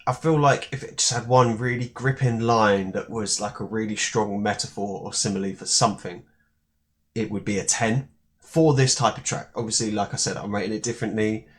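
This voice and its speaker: Young man, low-pitched voice, casual music reaction commentary, rambling and relaxed, lots of fillers. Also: fairly quick.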